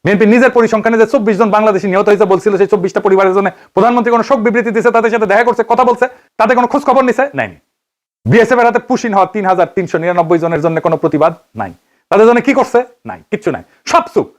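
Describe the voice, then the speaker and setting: In a high voice at a racing pace, a Bangladeshi man with a Bengali accent presents investigative political commentary. He fires rhetorical questions and answers each himself.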